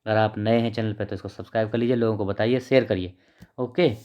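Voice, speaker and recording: A man teaching an exam-prep lesson, reading each option aloud, correcting the spelling and trailing off quietly as he closes each answer. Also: lowish voice, fairly even intonation, fast talker.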